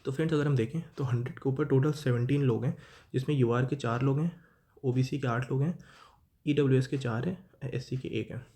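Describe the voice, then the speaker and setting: A man's voice: medium pitch, brisk, warm tone. A young man, casually explaining exam cutoffs to students and often correcting himself. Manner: conversational, keeps saying "friends", self-correcting. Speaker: exam-prep YouTuber.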